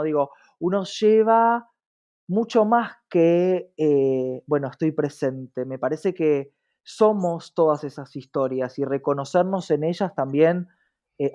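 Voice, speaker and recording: A dull lo-fi recording captures an Argentine diversity professional speaking reflectively as an interview guest. His voice is fairly high with a darkish tone, and he often adds brief tag questions to check in.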